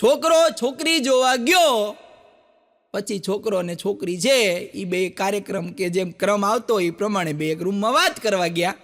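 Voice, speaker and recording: A man doing live stand-up, telling folksy village jokes and acting out characters' lines in quick back-and-forth quotes. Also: high voice, a bit bright, in a large hall. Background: audience laughter.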